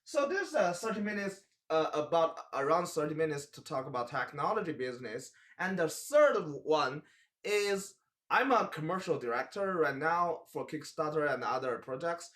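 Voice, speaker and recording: A young man with a Chinese accent hosts a casual talk show in English, his voice sitting a little high. He talks in a halting way, stopping to search for words and gesturing as he goes. He sits at a table in a small room. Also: big pitch swings, fairly bright tone. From China. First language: Mandarin. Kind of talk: casual chat.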